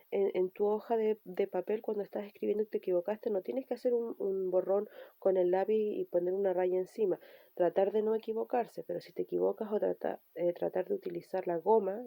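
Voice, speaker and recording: A woman teacher walks pupils through spelling rules, restating each point patiently. Her voice is gravelly and darkly mellow. The recording is dry and close. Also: medium pitch, dry recording. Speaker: primary school teacher. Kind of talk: recorded remote language lesson.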